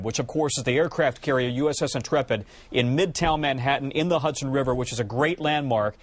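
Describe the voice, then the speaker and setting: A man presenting news, explaining things in plain commentary. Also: medium pitch.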